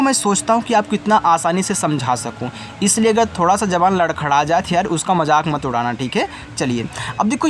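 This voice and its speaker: A man's voice: sits high, a bit bright, a little hiss or hum. A man teaching an online spelling lesson, patiently sounding out each word letter by letter and then explaining its meaning, speaking straight to his students and correcting his own slips. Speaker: English teacher.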